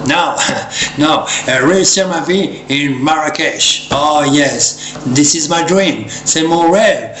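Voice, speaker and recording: Male comic monologuist, American accent in French, slightly high voice, halting and mixing in English, roomy sound. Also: a bit bright. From United States. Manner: hesitant French mixed with English, refers to himself in third person. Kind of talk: humorous rambling monologue to camera. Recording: roomy echo, clear background noise.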